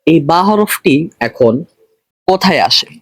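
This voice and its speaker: A man teaching Arabic letters in an online lesson, patient and repetitive, stretching each letter name slowly, with a Bangladeshi Bengali accent. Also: sits high, expressive, a bit bright, dry recording. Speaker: Quran reading teacher.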